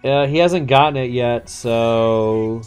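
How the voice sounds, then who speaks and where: A man's voice: medium pitch, slow pace, darkish tone, clean tone, faint music behind. A man live-streaming a game, chatting and commenting casually with slangy, sweary speech.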